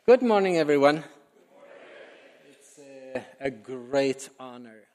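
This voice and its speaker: A man in his sixties speaks English with a Swedish accent, his voice sitting at a middle pitch. He addresses a church as a visiting missionary, earnest and halting, often stopping to restart a thought. His words ring out with the long reverb of a big sanctuary. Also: lively intonation, a little mellow. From Sweden. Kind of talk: church talk. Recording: long reverb of a large hall.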